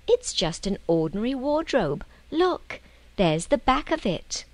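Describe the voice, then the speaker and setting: Woman reading as Susan, a brisk sceptical older sister. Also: a little high, very animated, dry recording, voice pushed up. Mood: dismissive. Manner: brisk, dismissive.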